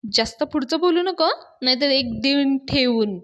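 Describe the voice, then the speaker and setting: A woman's voice: high voice, expressive, a little slow, muffled recording. A woman voicing a hot-tempered, pushy young woman, scolding and demanding in a slightly raised voice. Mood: angry.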